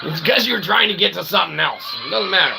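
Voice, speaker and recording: A man hosts a rambling comedy livestream as a self-deprecating mock showman, repeatedly tagging lines with questioning catchphrases like "okay?" and "eh?". His high, gravelly voice is expressive, quick and raised, with music in the background.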